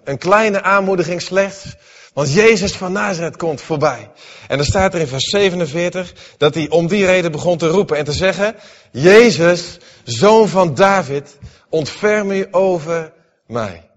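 A man preaching a sermon in a church, reading scripture and then expounding it, dramatic, swinging between raised emphatic lines and hushed ones. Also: a little high, normal speed. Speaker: pastor. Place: church hall. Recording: dull, hall with long reverb.

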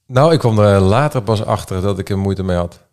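Low-voiced man telling stories, halting. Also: darkish tone. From Netherlands. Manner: hesitant, filler-heavy storytelling. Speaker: guest. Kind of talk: casual podcast conversation.

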